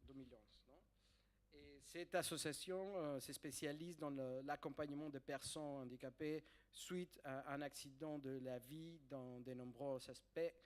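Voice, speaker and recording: A man who is not a native French speaker, with a foreign accent in French, introducing a guest to an audience in a halting way, repeating words as he searches for phrasing. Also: mid-range voice, fairly even intonation. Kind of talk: live spoken introduction to an audience.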